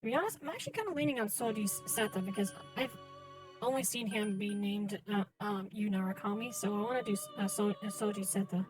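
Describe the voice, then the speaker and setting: A woman's voice: mid-range voice, fast, rough recording. A woman doing casual live commentary as she plays a game, hesitant and thinking aloud. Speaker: game streamer. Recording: game music behind voice. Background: game music.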